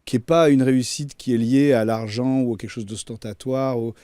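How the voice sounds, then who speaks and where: A man's voice: mid-range voice, fairly even intonation, a little fast, dark tone, smooth, no room sound, studio quality. A man hosting a business interview, asking probing questions in a conversational way. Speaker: interview host. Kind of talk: casual interview talk.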